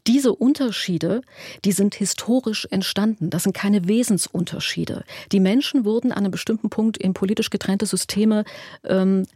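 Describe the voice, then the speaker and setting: Middle-aged woman, from Leipzig, reflective interview guest, mellow voice, halting thoughtful answers. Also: mid-range voice, husky, no room sound, clean studio sound. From Leipzig, Germany. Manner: earnest, reflective, with frequent hesitations. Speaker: interview guest, presenter and author.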